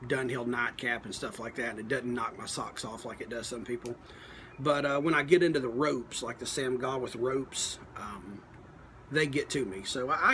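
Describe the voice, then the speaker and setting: Halting man reviewing casually, steady background noise. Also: mid-range voice. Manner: halting, thinking aloud. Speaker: pipe tobacco reviewer. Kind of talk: casual product review, unscripted talk.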